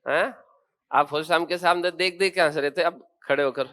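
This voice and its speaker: A man teaching a classroom with a fairly high voice. He questions his students briskly, corrects them with firmness and then lays out the main points one by one. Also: steady tone, sharp tone. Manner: quizzes students, then explains firmly. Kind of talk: classroom geography lesson.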